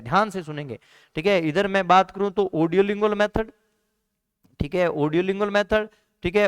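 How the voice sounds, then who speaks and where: A man gives an exam-prep lecture in a smooth, high-sitting voice. He poses questions and answers them himself, repeats key points, and warmly calls his students "beta" like a caring teacher.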